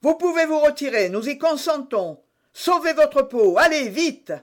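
A man playing a shouting, arrogant guard captain. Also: animated, moderate pace. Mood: scornful. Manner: shouting, high-pitched taunts. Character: arrogant male guard captain, bullying, impatient.

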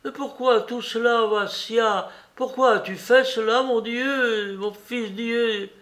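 Heartbroken old mother, high and tearful, pleading, as read by a male narrator. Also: steady tone, slow pace, a bit bright, exaggerated voice.

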